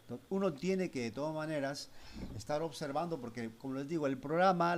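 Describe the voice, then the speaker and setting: A man's voice: mid-range voice, a little hiss or hum. A man teaching a class of children, patiently explaining a computer program step by step and asking them questions as he goes. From Spanish-speaking Latin America. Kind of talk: screen-recorded software lesson.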